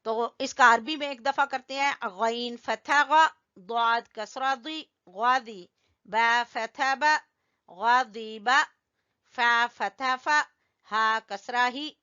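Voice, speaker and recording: Bright, clear-voiced woman teaching recitation. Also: fairly high pitch, highs cut off. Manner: spells out letters and vowel marks patiently, repeating; corrects learners gently. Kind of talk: slow drilling lesson with call-and-response.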